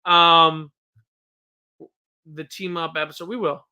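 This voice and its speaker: A man in his thirties chats casually on a fan podcast. His voice is bright and clear. He rambles, restarts his sentences and pokes fun at himself. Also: a little high, steady tone, slow, lo-fi sound. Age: 30s. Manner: rambling, self-deprecating, with frequent restarts and laughs. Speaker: podcast co-host. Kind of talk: casual chat.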